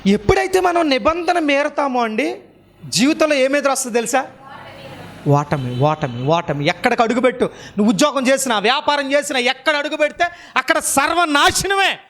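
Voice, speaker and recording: A man's voice: very high voice, fairly quick, fairly bright tone. Man preaching with rhetorical questions. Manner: fires repeated rhetorical questions at the listeners; colloquial, urges the congregation to answer aloud. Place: church hall.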